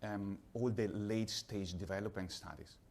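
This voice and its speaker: A man from Italy with an Italian accent, speaking on a conference panel as a pharma executive, measured and slightly halting in English. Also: on the low side, fairly even intonation, a little mellow, a little hiss or hum.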